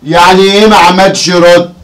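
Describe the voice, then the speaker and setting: A man's voice: high voice, moderate pace, a bit bright. A man playing a bullying drunk Egyptian father. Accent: Egyptian Arabic. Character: harsh drunken father, later remorseful. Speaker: actor. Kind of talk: amateur family drama. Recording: distant mic with music behind.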